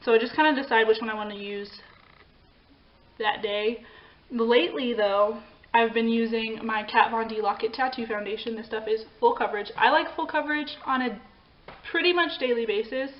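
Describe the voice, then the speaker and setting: A woman's voice: on the high side, normal speed. Chatty young woman, rambling makeup talk. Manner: chatty, rambling, frequent ums and self-corrections. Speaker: beauty vlogger. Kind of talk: casual makeup tutorial chat. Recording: slightly dull home recording with faint background hiss.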